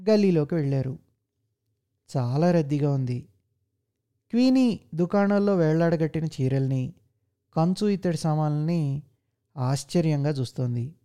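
Male story narrator, steady reading, mellow tone, a bit high for a man. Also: moderate pace, pauses often, clean tone.

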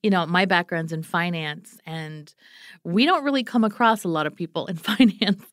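A woman's voice: lowish voice, normal speed, fairly bright tone, dry recording, clean studio sound. A woman telling her own story as an interview guest, reflective and earnest. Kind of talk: personal storytelling.

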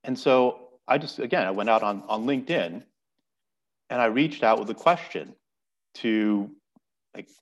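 On a casual podcast, a male guest who speaks English as his first language explains things earnestly, often restarting and repeating words as he thinks. His voice sits at medium pitch and is expressive, with a measured pace and frequent pauses. The sound is lo-fi.

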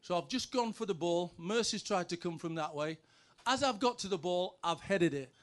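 A man's voice: sits high, lively intonation, moderate pace. A middle-aged man, a former footballer, telling brash comic anecdotes with sweary punchlines. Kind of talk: comic anecdotes, stand-up storytelling.

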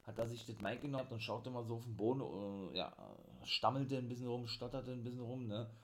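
A man's voice: medium pitch, brisk, a little hiss or hum. A man hosting a wrestling review, talking casually and rambling with lots of fillers. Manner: enthusiastic, excitable. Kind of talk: casual monologue recap.

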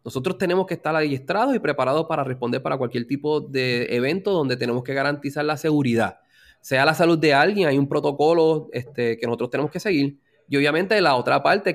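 A man with a Puerto Rican accent, a flight attendant, telling anecdotes in casual chat, filling pauses with "este". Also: fairly high pitch. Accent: Puerto Rican Spanish. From Puerto Rico.

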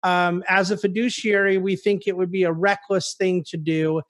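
On a conference call, a man acting as an investment officer answers investor questions with articulate, emphatic explanations as he offers market commentary. His voice is high and fairly bright, at normal speed, with little pitch movement.

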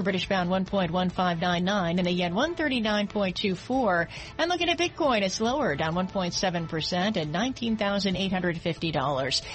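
A woman's voice: mid-range voice, poor audio. A woman anchoring radio business news, reading stock prices in a scripted market report style. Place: radio studio.

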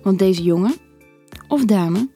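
A woman's voice: mid-range voice, expressive, slow pace, warm tone, slightly rough, soft background music, heavily acted. A woman reading the lines of a playful, seductive wife in an erotic audio story, with a teasing, affectionate manner.

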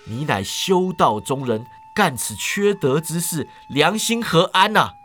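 A man telling a wuxia story, voicing a calm, confident young martial hero who speaks steadily and with command. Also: on the high side, measured pace, faint music behind. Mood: stern. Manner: steady, commanding, slightly amused.

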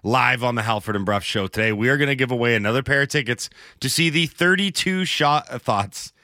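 A man's voice: mid-range voice, brisk, pushed and bright. A man hosting a sports radio morning show, reading the rundown and sponsors with dry banter. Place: radio studio.

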